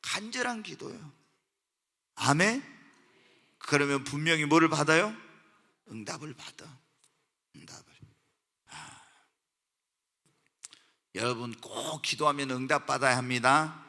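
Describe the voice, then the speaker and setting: A pastor preaching a sermon to his congregation. He asks the congregation questions and answers them himself, moving from quiet asides to loud, emotional appeals. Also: a little high, unhurried, vocal fry, pauses often. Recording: church hall reverb.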